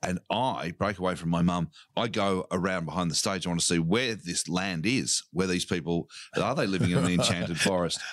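A man co-hosting a podcast, telling a childhood story in an animated way and breaking into laughing shouts. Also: deep voice, no echo. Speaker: podcast co-host. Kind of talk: casual storytelling chat.

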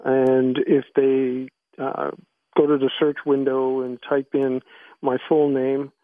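Male interview guest on a tinny phone line, mid-pitched, measured and halting, reflective. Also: completely flat delivery, no room sound. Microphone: phone call.

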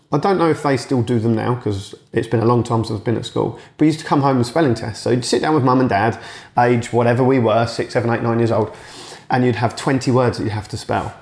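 Male, late 30s, coach type; casual, candid, salty monologue, mid pitch, roomy reverb. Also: a little mellow. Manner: frank and chatty, swears, acts out remembered exchanges.

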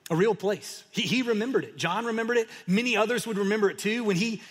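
Male pastor, fairly high husky voice, animated sermon storytelling in a reverberant hall. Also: fast.

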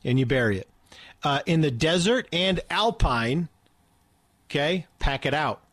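A man's voice: a little high, expressive, a little slow, a bit bright, no room sound. A man co-hosting a radio talk show, earnestly explaining outdoor rules and repeating his points for emphasis. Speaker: radio co-host. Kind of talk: casual radio banter.

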